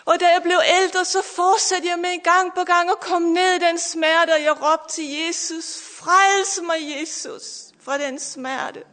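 A middle-aged woman preaching with fervent emotion, her voice very high and bright. Her words ring out through a long hall reverb, and her voice at times breaks with tears between hallelujahs. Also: steady tone, hardly any pauses. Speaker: preacher giving testimony. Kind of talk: emotional Pentecostal sermon. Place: church or camp meeting hall.

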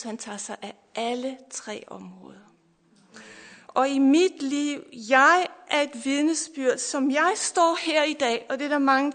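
A middle-aged woman preacher giving a fervent, emotional sermon and testimony, repeating hallelujah, her voice at times breaking with tears. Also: sits high. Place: church or camp meeting hall. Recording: long hall reverb.

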